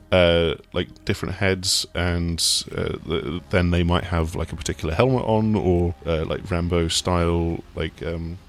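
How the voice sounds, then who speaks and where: Chatting casually about games, this co-host, a games journalist with a deep voice, gives relaxed, meandering explanations full of fillers and false starts.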